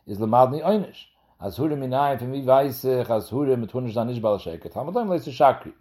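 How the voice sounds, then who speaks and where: A man's voice: medium pitch, expressive, moderate pace, warm tone. A man giving a Talmud lesson, explaining each step and speaking directly to the listener. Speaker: Talmud teacher.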